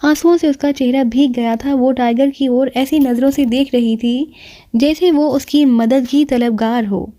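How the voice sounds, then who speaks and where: A woman narrating a crime thriller novel aloud with steady, dramatic storytelling. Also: high voice. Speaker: audiobook narrator. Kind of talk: novel reading.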